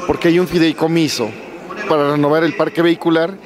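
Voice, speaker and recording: A man's voice: fairly high pitch, level tone, quick pace. A male reporter asking a legislator pointed, skeptical questions in a press interview. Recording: crowd chatter behind.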